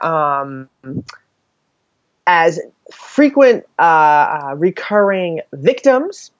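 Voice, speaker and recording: Lively low-voiced woman podcast co-host. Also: dry recording, highs cut off. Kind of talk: casual podcast talk from notes.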